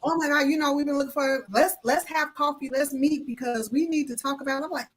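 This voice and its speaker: A woman's voice: sits high, fast, noisy background. A woman guest on a live talk show, telling a story in casual, colloquial speech, acting out the voices of the people in it and speaking of her faith, heard over a video call. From Illinois. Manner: lively storyteller who acts out each voice in the tale. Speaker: notary guest.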